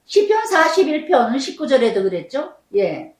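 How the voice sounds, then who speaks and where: A woman's voice: high-pitched, sing-song, moderate pace. An older woman pastor giving a sermon, telling a personal testimony and acting out remembered quarrels with strong emotion. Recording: echoey church hall, mic at a distance.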